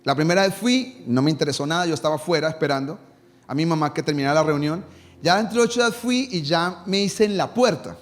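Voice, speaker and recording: Male pastor, sermon delivery, rhetorical questions, hushed low prayers, slightly high voice, reverberant hall. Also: quick pace. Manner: preaches with rhetorical questions, dropping low and quiet on quoted prayers. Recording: long reverb in a church hall.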